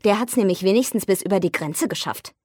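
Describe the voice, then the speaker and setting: A woman's voice: medium pitch, quick pace, husky, no echo, studio quality, natural voice. Woman playing a cool, detached young woman. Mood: cool, evasive. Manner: calm, quiet and evasive.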